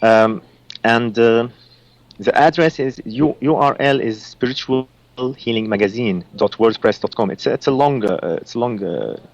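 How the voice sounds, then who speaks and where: A man from Lebanon with an Arabic accent gives psychic readings as a guest. His medium-pitched speech is halting and full of uh and um fillers.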